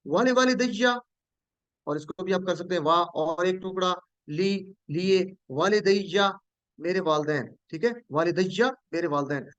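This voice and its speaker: A man's voice: sits high, normal speed, fairly bright tone, clear, resonant tone, dry recording, muffled recording. A man teaching a Quranic Arabic lesson, patiently repeating each word and quizzing his students.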